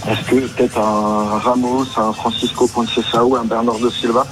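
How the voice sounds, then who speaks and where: A man's voice: medium pitch, level tone, moderate pace, poor audio. Male radio caller, nervy, lots of ums, music under him. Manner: nervy, full of hesitations. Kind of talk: radio phone-in chat.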